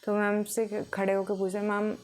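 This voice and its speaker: A woman's voice: lowish voice, fairly even intonation, moderate pace, darkish tone, a little hiss or hum. A woman telling a story in a casual, unscripted way, with fillers. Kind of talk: storytelling narration.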